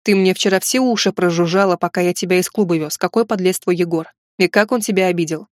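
A woman voicing a confident young male university lecturer who speaks slowly and calmly, with a dry, mocking edge. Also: on the low side, dry recording, close to an everyday voice. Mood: calm teasing.

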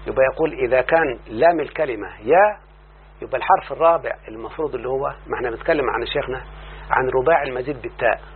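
A man with an Egyptian accent teaching Arabic morphology, often asking his student if he follows and stretching out word forms as he says them. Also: mid-range voice. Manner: repeats word forms slowly and drawn out. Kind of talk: explaining a classical text to a student. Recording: tinny phone-like line with faint hum.

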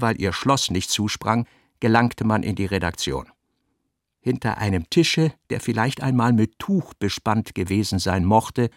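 A man narrating a literary audiobook in a measured, expressive storytelling manner. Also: mid-range voice, no room sound, clean studio sound.

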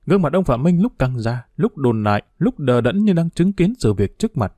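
A man narrating a story in an even, somber storytelling manner. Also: on the high side, brisk, dry recording, studio quality.

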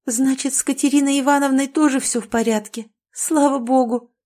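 A gentle, frightened young village girl speaks in a soft, raised voice, as a woman reads her lines. Her tone is mellow and hushed, close to a whisper, in the manner of a storybook read aloud. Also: fairly high pitch, fairly even intonation, normal speed. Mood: relieved.

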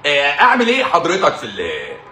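A man's voice: fairly high pitch, wildly swooping pitch, fairly quick, sharp tone, reverberant, slight background noise. A man with an Egyptian Arabic accent, a doctor hosting a live stream in a casual monologue, mocking and combative, repeating his points for emphasis.

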